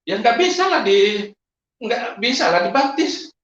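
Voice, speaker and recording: Male pastor, testimony sermon; animated, laughing storyteller with sudden high outbursts; distant, muffled, very echoey recording. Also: a little slow. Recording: echoey, distant, lo-fi hall sound.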